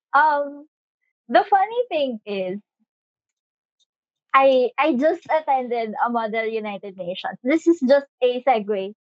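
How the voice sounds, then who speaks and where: A woman in her twenties with a Filipino accent, co-hosting a conversational podcast with emphatic, deliberate phrasing. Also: high voice, lively intonation, no room sound. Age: 20s. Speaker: podcast co-host. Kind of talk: conversational podcast talk, mixing English and Tagalog. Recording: slightly dull, dry lo-fi audio.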